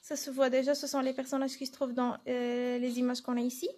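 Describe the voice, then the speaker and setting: Brisk and level in tone, this woman's high, darkish voice carries a French classroom lesson. She walks through the material step by step, posing questions and answering them herself.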